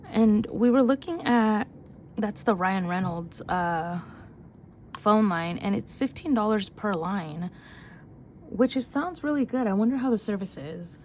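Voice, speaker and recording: Her mid-range voice has a darkish tone and lively intonation, with slight background noise around it. Sounding nasal and breathless from being sick, this young woman vlogs about her budget, counting bills aloud in quick, chatty bursts.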